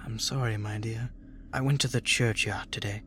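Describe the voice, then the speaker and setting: A woman reading aloud, voicing a gentle, grieving father with a lowered, soft voice. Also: steady tone, normal speed, faint music behind. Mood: sorrowful. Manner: soft, low, sorrowful. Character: grieving middle-aged father, gentle clerk.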